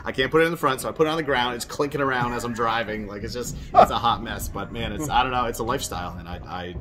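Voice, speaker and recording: Enthusiastic man, mid-pitched voice. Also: quick pace, a crowd in the background. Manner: enthusiastic, animated, laughing. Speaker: co-host. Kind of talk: casual chat to camera. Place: small indoor room. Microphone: phone camera at arm's length.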